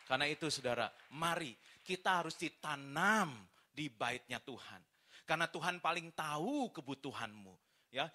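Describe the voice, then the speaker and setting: A man preaching a sermon at a church service, telling stories in a lively way and often turning to the congregation. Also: a little high. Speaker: pastor.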